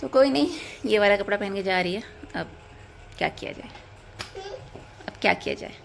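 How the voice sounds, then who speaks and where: A woman's voice: medium pitch, expressive, moderate pace, vocal fry. A middle-aged mother vlogging casually, greeting viewers and narrating a family car trip. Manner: warm greeting, plain commentary. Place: at home, then in a car. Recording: noisy phone recording in a car.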